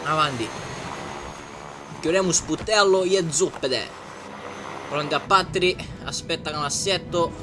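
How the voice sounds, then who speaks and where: A man with a Sicilian accent dubbing a bossy, excitable adventurer fleeing dinosaurs in a comic amateur film spoof. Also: on the high side, unhurried, pauses often, noisy background, lightly acted. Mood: urgent.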